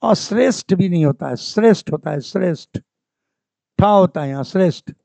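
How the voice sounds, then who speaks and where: A man's voice: high-pitched, lively intonation, moderate pace, creaky, darkish tone, no room sound. A man teaching an exam-prep class, who repeats each word and keeps asking the class for answers. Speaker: Hindi grammar teacher. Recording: dry, dull lo-fi sound.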